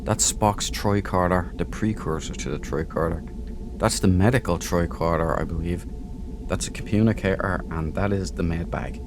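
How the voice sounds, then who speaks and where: A man with a low voice speaks at a moderate pace while providing relaxed, playful let's play commentary full of joking, chatty remarks as a gaming host. Beneath him runs clear background noise from the game's ambience.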